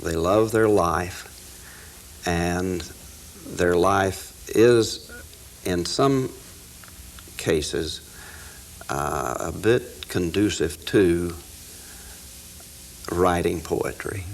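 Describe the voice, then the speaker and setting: A man from the United States speaking as an interview guest in a deliberate, folksy storytelling way. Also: low-pitched, vocal fry, slight background noise. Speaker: interview guest, cowboy poetry expert. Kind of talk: informal interview talk with recited verse.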